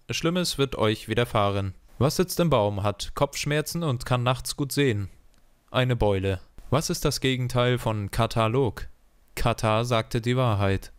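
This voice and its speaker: A man reading a string of one-liner jokes in a deadpan question-and-punchline rhythm, slowing down for each punchline. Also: mid-range voice, smooth, dry recording. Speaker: joke teller.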